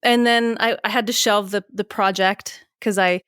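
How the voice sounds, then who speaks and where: A woman musician chatting as a podcast guest, rambling and animated, acting out her own past remarks. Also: mid-range voice, normal speed, clean tone, no echo, studio quality. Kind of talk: casual interview chat.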